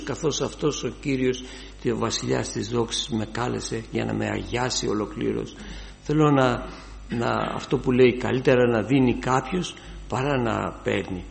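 An older man preaching a sermon, fervent, his voice rising to loud exclamations. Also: mid-range voice, vocal fry.

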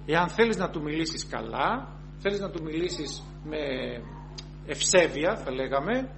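A high-pitched man delivers an earnest sermon. He repeats and rephrases each point and reads scripture aloud before he explains it. A faint hum runs under the recording. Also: lively intonation. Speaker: preacher.

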